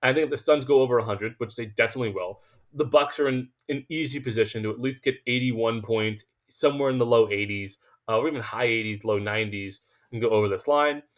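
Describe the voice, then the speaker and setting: A man's voice: mid-range voice, fast talker. A man hosting a sports betting picks video, talking emphatically and confidently, sometimes tripping over his words. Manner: emphatic, confident, self-assured; stumbles and restarts when excited. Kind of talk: casual betting picks monologue.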